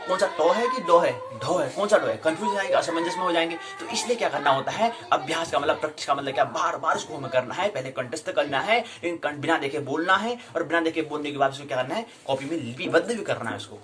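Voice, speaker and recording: A man teaching a Sanskrit grammar lesson, explaining and drilling sounds slowly and repeating them for practice. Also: on the high side. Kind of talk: classroom lecture.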